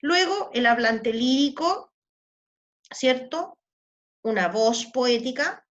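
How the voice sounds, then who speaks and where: High-voiced woman teaching a class. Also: lively intonation, muffled recording. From Chile. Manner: checks in with frequent tag questions; counts out syllables and verses slowly. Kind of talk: explanatory class lesson.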